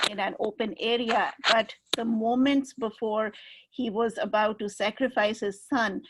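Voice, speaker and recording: A woman's voice: on the high side, background noise. A woman from Pakistan, a professor patiently explaining terms step by step in a presentation over a video call. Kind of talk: explanatory lecture.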